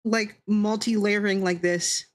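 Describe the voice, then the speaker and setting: Her mid-range voice stays fairly even in intonation and measured in pace. The streamer and VTuber chats casually with viewers while drawing, playful, teasing, giggly, and free with swear words.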